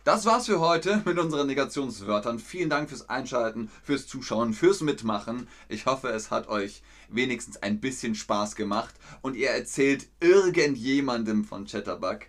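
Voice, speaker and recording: A man teaching German in a live lesson, answering viewers' chat questions slowly and clearly with encouragement. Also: medium pitch, lively intonation, fairly bright tone. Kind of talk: live-streamed language lesson.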